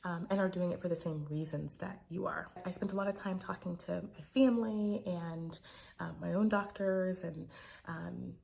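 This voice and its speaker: An American woman in her thirties speaking quietly but clearly in a hesitant, reflective personal video diary as a physician vlogger. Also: on the low side, steady tone, normal speed.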